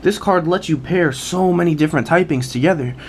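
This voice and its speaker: A man's voice: on the high side, a little fast, a little mellow, a little hiss or hum. A man hosting a card game channel, talking through his favorite new cards in a casual, enthusiastic way, with lots of "uh"s. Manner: enthusiastic, many filler "uh"s, laughs at himself. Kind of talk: casual video commentary.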